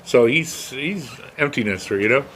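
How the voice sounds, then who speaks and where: A man's voice: medium pitch, lively intonation, normal speed, a bit bright, slight background noise. A middle-aged man co-hosting a podcast in casual chat, rambling from topic to topic and swearing freely. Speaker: podcast co-host.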